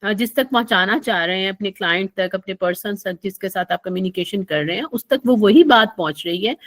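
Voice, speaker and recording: A woman teaches pronunciation in a recorded lecture for online tutors. She explains patiently at a medium pitch, circling back over her points and pausing on small fillers as she goes.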